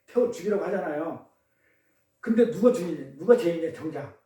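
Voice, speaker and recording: High-voiced man preaching, echoey hall. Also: animated, brisk, warm tone. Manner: questions the congregation, call-and-response; tells pun riddles. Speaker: pastor. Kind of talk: sermon. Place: church service. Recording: echoey room, distant mic.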